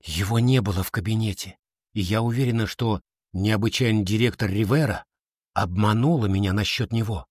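A man's voice: lowish voice, fairly quick, no room sound, clean studio sound, close to an everyday voice. A man doing a determined schoolgirl heroine. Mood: resolute.

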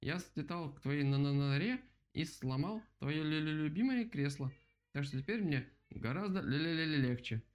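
A man's voice: a little high, expressive, normal speed, highs cut off, pitched above the performer's own voice, lightly acted. A man voicing a cheeky male woodpecker in a storybook, who stutters over his words.

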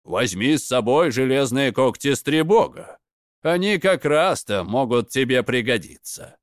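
A man reading a fairy tale aloud and voicing a sly, scheming male god of the underworld who gives mocking advice in an unhurried way. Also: medium pitch, animated, dry recording, studio quality, natural voice.

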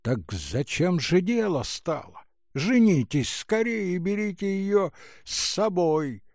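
A man voicing an excitable old patron. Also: sits high, slow pace, vocal fry, no room sound, clean studio sound, voice pushed up, full character voice. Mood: excited. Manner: dismayed, then bursting with excitement. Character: old male eccentric expedition patron.

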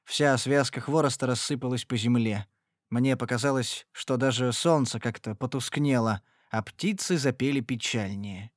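Man narrating a dark audiobook tale. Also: mid-range voice, normal speed, no echo, clean studio sound. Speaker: audiobook reader. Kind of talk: scripted first-person narration.

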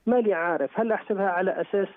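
Polite quick male caller on a phone line. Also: high-pitched, no echo. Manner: polite, with frequent blessings and hesitations. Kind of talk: phone call to a radio show. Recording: dry tinny phone line.

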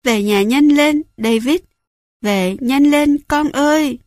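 A woman does a tearful mother begging her son, high and dry. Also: measured pace, dry recording, close to an everyday voice. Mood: sobbing. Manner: tearful, apologetic, urgent.

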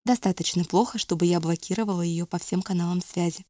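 A woman's voice: fairly low pitch, steady tone, fast, warm tone, no echo, close to an everyday voice. A woman reading the lines of a curt, detached middle-aged aunt in an audiobook. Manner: dry, detached.

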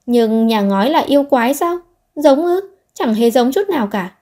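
A woman voicing a simple-hearted older man in an audiobook, speaking slowly and humbly. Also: fairly high pitch, lively intonation, warm tone. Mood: bewildered. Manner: slow and humble.

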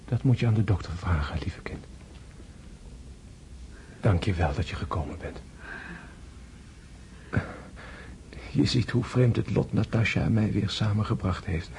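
André, a low, creaky dying nobleman. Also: darkish tone, whispered. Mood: weary, tender. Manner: weak, halting, tender. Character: André, gentle dying nobleman, weary and tender. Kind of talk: literary radio drama acting.

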